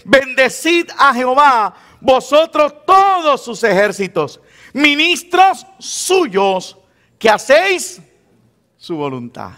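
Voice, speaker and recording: A man's voice: very high-pitched, big pitch swings, slow pace, pushed and bright. A man with a Puerto Rican Spanish accent, preaching a sermon as pastor in a conversational, teasing way. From Puerto Rico. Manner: conversational preaching, teasing the congregation, acting out quoted believers.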